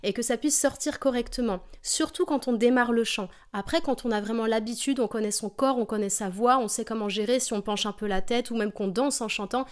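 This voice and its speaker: A woman teaching a singing lesson, explaining vocal technique calmly and demonstrating exercises. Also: fairly high pitch, fairly quick, few pauses.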